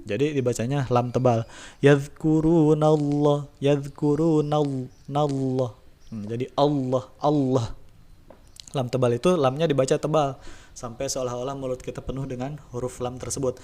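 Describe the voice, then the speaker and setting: Man slowly explaining Quran recitation. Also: mid-range voice. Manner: slow drawn-out recitation demos between relaxed explanations. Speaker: religion teacher. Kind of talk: tajwid lesson.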